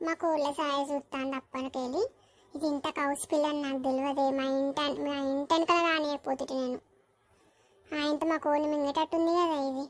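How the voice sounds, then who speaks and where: A woman's voice: high-pitched, close to an everyday voice. A woman voicing a fussy village woman with a Telangana accent, indignant about a chicken thief. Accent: Telangana Telugu. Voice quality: exclaiming, fussy.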